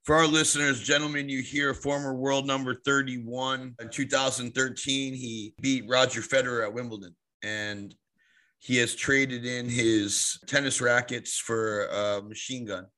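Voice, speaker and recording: Male podcast host, crisp-edged bright tone, noticeable slushy lisp on s, presenting and questioning. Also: mid-range voice, flat delivery, unhurried, low-quality recording. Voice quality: lisping, slushy s sounds after oral surgery. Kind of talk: podcast intro and interviewing.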